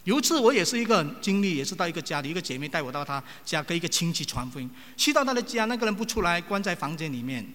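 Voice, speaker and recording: A man preaching with a bright, lively voice that swings up and down as he tells his stories. He acts out the people he quotes. His voice rings through a hall with a long echo. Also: high voice, rapid-fire, few pauses. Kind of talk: sermon with personal stories. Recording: long reverb of a large hall.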